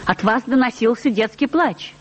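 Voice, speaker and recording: A woman's voice: on the high side, moderate pace, a little hiss or hum, close to an everyday voice, poor audio. A woman doing a prying young official girl. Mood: accusing.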